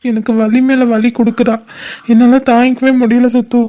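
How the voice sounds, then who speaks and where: A voice actor playing a heartbroken, emotional young man in an animated comedy-drama, talking in a distressed, pleading way. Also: high-pitched, a little fast, natural voice. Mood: distraught. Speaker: cartoon character.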